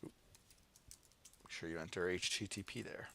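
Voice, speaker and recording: An American-accented online marketing tutorial presenter speaks in a low-pitched, steady voice that's creaky and a bit bright, at a moderate pace. He walks through a casual screen share, partly improvised, voicing his thinking as he demonstrates each step.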